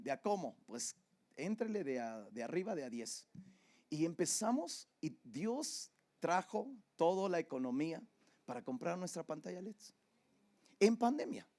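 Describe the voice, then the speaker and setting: Older Mexican pastor, high voice. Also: male voice, a little mellow. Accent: Mexican Spanish. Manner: conversational storytelling, often asks "¿verdad?". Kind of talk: sermon with personal story.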